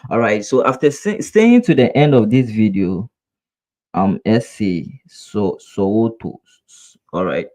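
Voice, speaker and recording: This trading instructor, a man from Ghana, runs a live webinar in Ghanaian-accented English, with repetition and rhetorical "what?" questions throughout. His voice is lowish and darkish, animated yet unhurried, and he coaches viewers earnestly.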